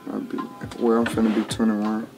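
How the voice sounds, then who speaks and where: A music bed runs under this interview with a twenty-year-old rapper in his small home studio. Speaking fairly quickly in a low-side monotone, he answers in a relaxed drawl, slinging slang and restarting often.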